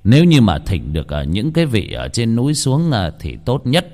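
A man voicing an elderly male village exorcist who speaks haltingly, pausing often with drawn-out filler sounds. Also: medium pitch, wildly swooping pitch, mellow. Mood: grave. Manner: halting, filling pauses with drawn-out "à".

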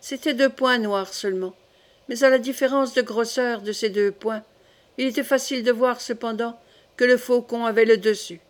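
A woman reading a classic French novel aloud as an audiobook, steady and literary. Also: on the high side, moderate pace. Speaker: audiobook reader. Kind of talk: audiobook narration.

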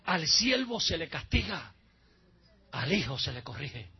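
A male pastor preaching a sermon into a handheld mic in a church, swinging between hushed passages and shouted climaxes. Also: on the high side, big pitch swings, a little slow, husky, highs cut off.

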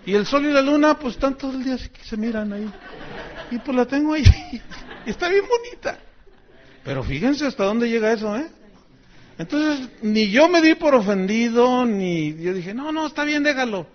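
A man's voice: extremely high pitch, very animated, moderate pace, lo-fi sound, a little hiss or hum. A middle-aged man with a Mexican accent, preaching a sermon in a chatty, joking way and acting out the people in his stories. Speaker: pastor. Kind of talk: sermon with personal anecdotes.

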